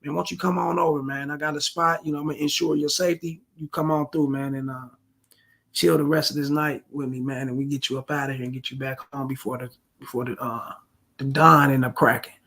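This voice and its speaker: A man acting out a smooth-talking young man coaxing a woman to come over, laid-back and soft. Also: on the high side, level tone, fast talker, voice pushed down.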